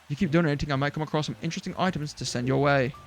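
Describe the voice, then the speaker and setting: A man's voice: mid-range voice, fairly even intonation, racing, soft background music, lightly acted. A man voicing a polite, eager male museum curator in a put-on accent that drifts toward British. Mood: eager, curious.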